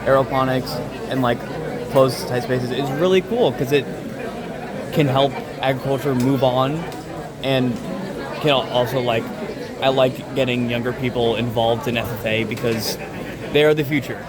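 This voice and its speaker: Loud crowd behind, young man, earnest, halting, rambling casual chat. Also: mid-range voice, steady tone. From Lexington, Kentucky. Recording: loud crowd chatter in busy venue. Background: loud crowd in a public space.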